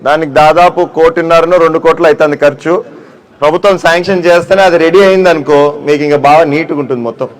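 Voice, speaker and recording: A man, a local politician chatting with villagers outdoors in a teasing, brisk way, promising help. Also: fairly high pitch, fairly even intonation. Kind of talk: casual talk with villagers.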